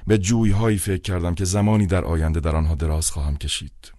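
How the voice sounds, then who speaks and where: Very deep-voiced male audiobook narrator. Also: steady tone, warm tone, no room sound, studio quality. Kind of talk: scripted literary narration.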